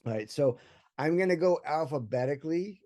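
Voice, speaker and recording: A man moderating a panel discussion, talking in a relaxed, conversational way with many fillers. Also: on the high side, a little fast.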